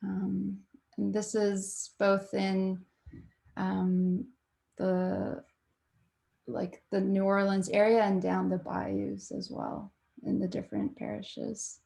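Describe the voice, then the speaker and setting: A young woman from Canada, a documentary photographer, talking reflectively on a panel with frequent pauses and fillers. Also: mid-range voice, little pitch movement, vocal fry, dark tone. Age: young adult. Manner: reflective, hesitant with many fillers. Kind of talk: panel talk.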